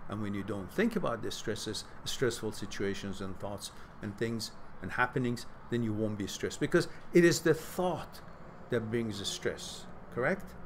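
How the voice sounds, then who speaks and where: A man's voice: on the low side, animated, normal speed, few pauses, a little hiss or hum. A middle-aged man hosting a live question-and-answer stream, giving reflective advice and reading out viewers' messages. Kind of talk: casual live advice talk.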